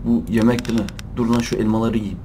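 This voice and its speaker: A young man commentating a survival game in Turkish, shouting and cursing at the animals and laughing often. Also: fairly low pitch, fast, slight background noise. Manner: excitable, swears and yells at the game, laughs often. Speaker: gameplay commentator. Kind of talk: let's play commentary.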